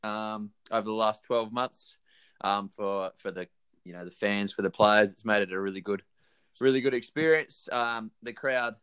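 A man's voice: lowish voice, moderate pace, fairly bright tone, clear, resonant tone. A man, an enthusiastic guest fan talking casually with lots of fillers. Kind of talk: casual chat.

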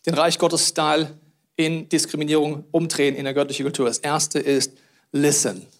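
A middle-aged man preaching a sermon, telling stories animatedly with sudden loud outbursts and hushed asides. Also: a little high, little pitch movement, moderate pace.

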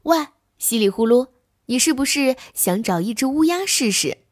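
A woman's voice: high voice, lively intonation, moderate pace, no room sound. Storybook wolf, read by a woman: proud grown male, bossy and boastful, slightly raised voice, dry recording. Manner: show-offy, impatient, lecturing.

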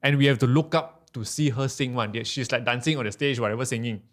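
A Malaysian man with a Malaysian English accent, co-hosting a casual podcast and telling a story step by step with animated energy. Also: mid-range voice, fast talker. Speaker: podcast co-host. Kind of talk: casual chat.

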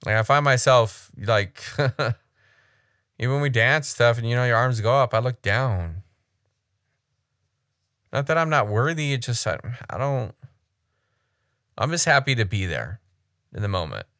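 A man's voice: medium pitch, lively intonation, unhurried, long pauses, fairly bright tone, no echo, studio quality. A man casually commenting on a sermon clip, blunt, frank and critical.

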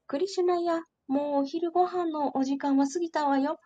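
A woman's voice: fairly high pitch, normal speed, dark tone, dull audio, lightly acted. Yashoda, a doting mother, as a woman reader puts her on. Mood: coaxing. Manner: fond, coaxing motherly tone. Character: loving, doting mother calling her young son home. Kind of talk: storybook reading.

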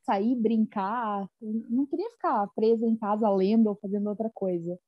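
A woman's voice: mid-range voice, moderate pace, no echo, lo-fi sound. A woman from Brazil co-hosting a casual podcast chat, talking in a chatty way with many restarts and frequent laughs. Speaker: podcast co-host.

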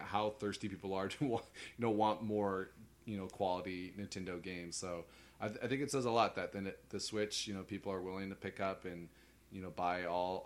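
A man co-hosting a casual gaming chat, telling stories with lots of fillers and laughs. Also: low voice. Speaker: podcast co-host.

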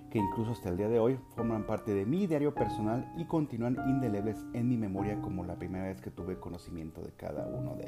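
A middle-aged Mexican man with a Mexican Spanish accent, hosting a podcast and telling a story in a measured, formal way with occasional hesitations. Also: lowish voice. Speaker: podcast host. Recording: loud music under the voice.

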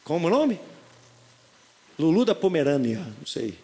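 A male pastor with a Brazilian Portuguese accent, preaching a sermon in animated storytelling and putting questions to the congregation. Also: on the high side, normal speed. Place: church. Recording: reverberant church hall.

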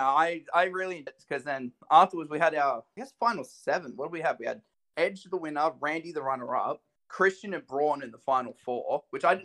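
An excitable man co-hosts a casual podcast, laughing often. His voice sits a little high. He talks in an animated, loose way. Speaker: podcast co-host. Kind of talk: casual wrestling chat.

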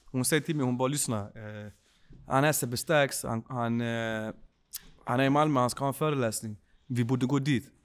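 A man telling a personal story in a casual podcast chat, slangy and animated, often checking that the listener follows. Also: medium pitch, clear, resonant tone. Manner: slangy, animated, keeps asking if you follow. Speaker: podcast guest.

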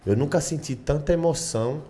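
A man's voice: on the high side, a little fast, warm tone. A man chatting enthusiastically on a podcast. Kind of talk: casual chat.

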